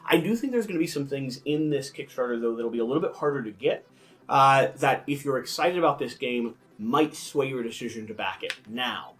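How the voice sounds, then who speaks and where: Male host, mid pitch, lisped and drawn-out snaky s, casual review chat over faint music. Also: expressive, fairly bright tone. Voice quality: lisp with drawn-out, hissy snake-like s. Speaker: host and board game reviewer.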